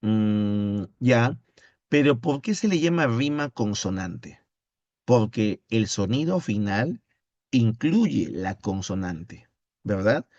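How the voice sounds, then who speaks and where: A man teaches literature at a slow, unhurried pace. He reads a poem, then quizzes his online class in a playful, teasing way. The sound is dry and a bit dull, like a lo-fi home setup. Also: fairly low pitch, animated, darkish tone, no room sound. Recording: dull lo-fi audio.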